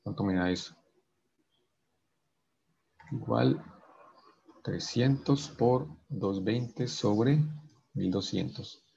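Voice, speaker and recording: In dull-sounding audio, an engineering professor with a low, creaky, husky and slightly mellow voice teaches online. He solves equations one step at a time, frequently restarts his sentences, and checks in with "right?" after every step.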